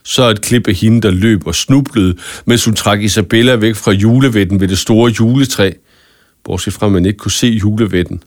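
Storybook narrator, male, lowish and expressive, dry studio read. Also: dry recording. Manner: expressive children's story reading. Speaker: audiobook narrator. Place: studio booth.

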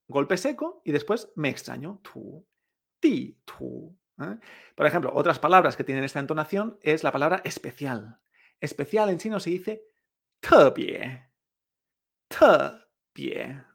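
A woman teaching Chinese tones in Spanish in a podcast lesson, lively and drilling words slowly, with frequent tag questions. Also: low voice.

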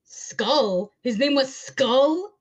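A woman player in a tabletop game, talking in an animated, emphatic way and swearing freely. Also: high voice, extremely slow. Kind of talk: tabletop game play, casual chat. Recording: dull lo-fi sound.

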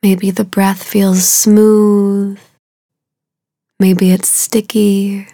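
A woman's hushed, soothing meditation guidance comes at a very slow pace with a level tone and hardly any pitch movement. A gravelly vocal fry runs through her voice as phrases fade softly into breath. The recording is dry, close and unhurried.

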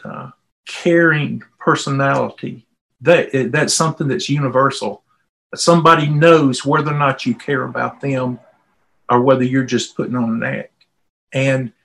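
This volunteer interviewee is a middle-aged Southern US man whose mid-range voice sounds creaky and slightly bright. He shares personal anecdotes in a chatty, down-home way.

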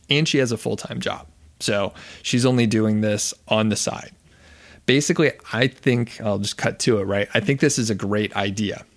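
A man hosting his own podcast, talking casually and chattily, sometimes correcting himself mid-sentence. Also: lowish voice. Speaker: podcast host. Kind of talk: solo podcast talk.

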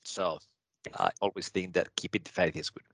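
A middle-aged man from Venezuela chats as a podcast guest, upbeat and positive in every answer. His voice sits low, and the sound is dry and close with no room around it. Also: fairly even intonation, normal speed, a bit bright, no room sound. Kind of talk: casual interview chat.

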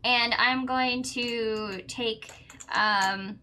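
A woman's voice: a little high, fairly even intonation, very slow, pushed and bright, slight background noise. A woman chatting casually at the table as a player in a role-playing game.

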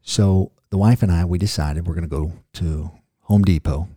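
Man, middle-aged, podcast host, casual rambling chat, low pitch, close dry sound. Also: normal speed, warm tone, dry recording. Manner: rambling, jokey, goes off on tangents.

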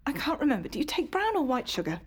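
An actress playing a calm, faintly sinister woman who speaks in soft, slow, soothing whispers. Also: high-pitched.

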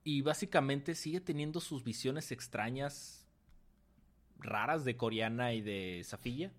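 Man, casual podcast chat, dry remarks, mid-pitched voice. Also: unhurried. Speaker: podcast co-host. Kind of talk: casual comic-book chat.

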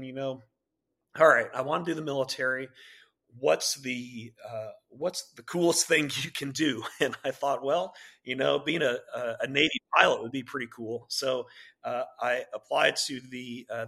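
A Navy pilot in his thirties, from Maryland and Virginia, relaxes into casual interview talk as a guest recounting his background. His mid-range voice is full of fillers and restarts.

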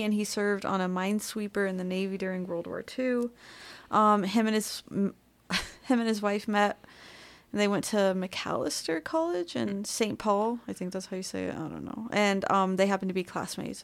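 A woman's voice: medium pitch, animated, moderate pace, vocal fry. A young woman co-hosting a podcast, telling a true-crime story in a casual, chatty way, full of fillers. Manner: chatty, filler-heavy, laughs easily. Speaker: podcast co-host.

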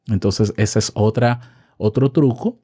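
A man's voice: on the low side, slow, dark tone, breathy edge. A man hosting a podcast from a room at home, giving casual tips close to the mic and asking the listener questions. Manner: chatty, asks the listener questions. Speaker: podcast host. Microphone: shotgun mic held close.

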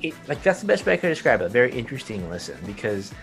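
A man's voice: mid-range voice, very animated, very fast, faint music behind. A man with a Texan accent, co-hosting a casual podcast chat and rambling with lots of fillers and restarts. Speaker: podcast co-host.

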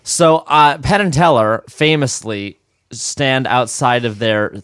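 A man's voice: mid-range voice, slow pace, clear, resonant tone, no echo, studio quality. A man co-hosting a podcast, telling a story in casual chat with many restarts. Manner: animated storytelling, frequent restarts. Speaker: podcast co-host.

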